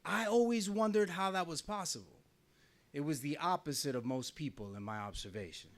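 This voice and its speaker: In a slightly high, animated voice that's a bit bright, a middle-aged man from New Jersey, USA, speaks at a moderate pace. He's telling a wry, conversational story about himself at a small live venue, frequently laughing as he talks.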